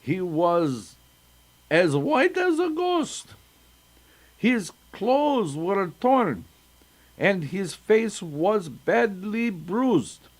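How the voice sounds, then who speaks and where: A man's voice: sits high, very animated, extremely slow. An older man reading folktales aloud to children as a storyteller, chatty and breaking off into asides. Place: synagogue.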